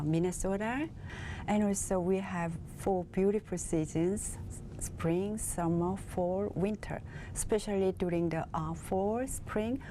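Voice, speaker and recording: A woman from South Korea, a native Korean speaker with a Korean accent, answers questions as a TV interview guest, speaking in a measured way as she searches for words in English. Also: lowish voice, warm tone, slight background noise. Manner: measured, searching for words in her second language. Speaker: guest, bilingual facilitator.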